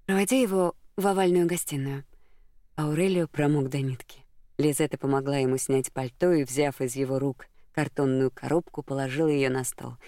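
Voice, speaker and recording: A steady audiobook narrator with a gravelly, creaky texture and a dry, close sound. The reading is scripted and even. The pitch sits in a middle range. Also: moderate pace, dry recording.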